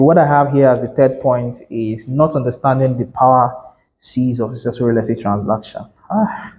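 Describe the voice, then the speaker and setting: Male instructor with a mellow voice, lecturing realtors in a chatty, emphatic way that keeps correcting itself. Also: medium pitch, low-quality recording. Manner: conversational, self-correcting, emphatic. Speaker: real estate instructor.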